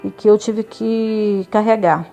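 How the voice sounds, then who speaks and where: A woman's voice: medium pitch, steady tone, takes it slowly, vocal fry, warm tone, soft background music. A woman giving a religious testimony, telling her story with feeling and acting out the other people's words. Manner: emotional storytelling, retelling dialogue with quoted voices. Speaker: church member giving testimony.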